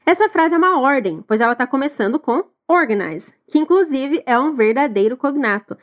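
Woman, English teacher, high voice, encouraging, repeat-after-me drills. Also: lively intonation, normal speed. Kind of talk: recorded language lesson.

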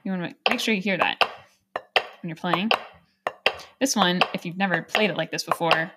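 A woman teaching drum rudiments, counting in the exercises and explaining calmly what to listen for. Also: lowish voice, moderate pace, heavy background noise. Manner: calm, counting off beats and explaining. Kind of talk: instructional drum lesson with counting. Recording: loud drumming and clicks behind the voice.

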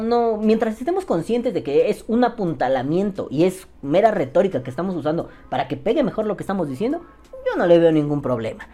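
Low, mellow Mexican woman, slangy host. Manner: profane, slangy, joking. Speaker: podcast host. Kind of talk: casual podcast reading listener comments.

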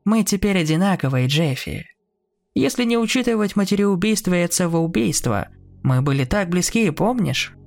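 Man voicing cold murderous brother, sneering, mocking, high raised voice, horror story reading. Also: expressive, moderate pace, vocal fry, darkish tone. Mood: taunting.

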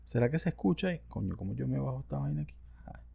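A man's voice: mid-range voice, animated, rapid-fire, vocal fry, warm tone, husky. A man with a Venezuelan accent, hosting a casual solo podcast into a studio microphone, rambling and slangy with self-joking asides. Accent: Venezuelan Spanish. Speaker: podcast host.

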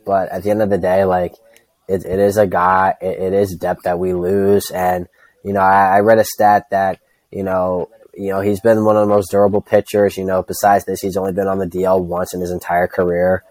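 Low-voiced man talking baseball casually. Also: little pitch movement, normal speed, a little mellow, dry recording, poor audio. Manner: hedging, repeatedly says like and you know. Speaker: podcast panelist. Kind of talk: casual baseball analysis chat.

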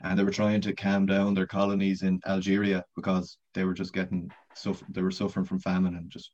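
A man's voice: deep voice, monotone, fairly quick, darkish tone. A man speaks as a podcast guest in casual chat, telling a rambling story with swearing and frequent laughter. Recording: dull lo-fi podcast audio.

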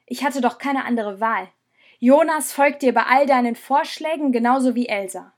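A woman's voice: high-pitched, normal speed. A woman reading an audiobook, voicing a hurt young man who speaks with resentful reproach. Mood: bitter. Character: hurt, bitter young man leaving his friends. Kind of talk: audiobook character voice.

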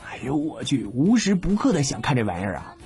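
Guy cracking jokes, playful and slangy, lively voice. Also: mid-range voice, fast. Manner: playful, laughs often, slangy. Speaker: comedy podcast host. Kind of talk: casual joke telling.

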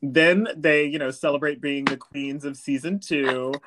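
A man's voice: on the high side, steady tone, a little slow, noisy background. A man hosting a podcast, recapping an episode in an easygoing way and giggling often. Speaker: podcast host. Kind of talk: casual recap chat.

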